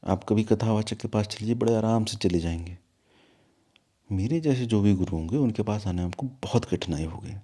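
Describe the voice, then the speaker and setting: A man's voice: fairly low pitch, moderate pace. A man who runs an ashram, telling a story in an interview and turning to a scolding lecture. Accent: Hindi, from north India. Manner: animated, scolding at times. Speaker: guru of an ashram.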